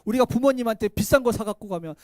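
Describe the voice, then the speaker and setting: A man preaches a Sunday sermon, rising to loud emphatic declarations and dropping to soft pleading. He slips into conversational asides and acts out the voices he quotes. The sound is dry and close, with little room echo. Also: extremely high pitch, quick pace. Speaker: pastor.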